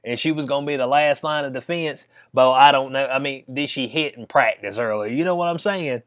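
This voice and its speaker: A Southern American man rants comedically through casual sports commentary, full of slang and incredulous chuckles. His middling-pitched voice is clear, resonant and fairly bright, and he talks fairly quickly. The recording is dry, with very little room sound and no echo.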